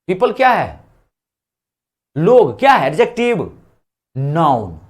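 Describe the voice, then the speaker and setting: A male teacher with an Indian English accent giving an exam grammar lecture. He asks questions and answers them himself, and dictates English examples slowly, word by word. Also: a little high, huge pitch swings.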